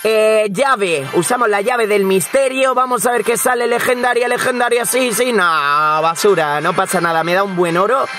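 Excitable young gaming commentator man. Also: sits high, moderate pace, hardly any pauses, soft background music. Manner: excitable, frequent shouting and repeated words. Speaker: gaming streamer. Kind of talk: live gameplay commentary.

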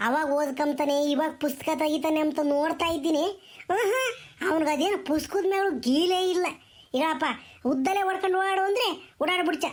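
A woman's voice: high-pitched, fairly quick, natural voice. A woman with a rural Tumakuru Kannada accent playing a strict, nagging village mother who scolds her son in a comedy skit. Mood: scolding.

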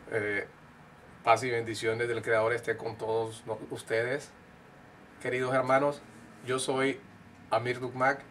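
A man's voice: medium pitch, fairly bright tone, a little hiss or hum. Earnest middle-aged Colombian man. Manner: earnest, gestures a lot, frequent fillers and restarts. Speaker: speaker giving a personal talk. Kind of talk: casual direct-to-camera talk. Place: indoor studio with blue backdrop.

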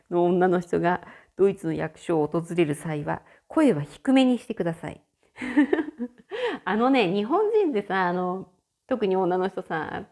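A woman talks alone into the mic in an easygoing, chatty way, laughing often. Her voice sits a little low but moves widely in pitch, jumping high for emphasis and dropping back down. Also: creaky. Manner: chatty, frequent laughter, animated shifts in tone. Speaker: podcast host. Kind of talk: casual solo audio chat.

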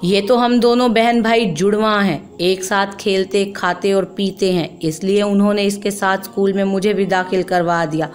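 A woman's voice: medium pitch, fairly even intonation, moderate pace, hardly any pauses, natural voice. A woman voicing a frightened young girl who grows into a tearful young mother, speaking in a timid, pleading way over faint music.

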